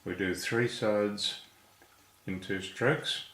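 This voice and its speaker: A man with a fairly low voice walks through a lesson at an unhurried pace. He explains each step with patience. The room around him rings with echo. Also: fairly even intonation, a bit bright. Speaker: language teacher.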